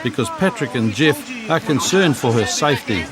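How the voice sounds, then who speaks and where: A man's voice: medium pitch, expressive, normal speed, a crowd in the background. A man with a New Zealand accent reading scripted documentary narration.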